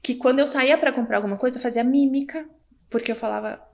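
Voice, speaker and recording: A woman from Brazil, a guest doctor recounting her past in a casual interview, animated and acting out what people said, with frequent tag questions. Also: high voice, fast talker, vocal fry.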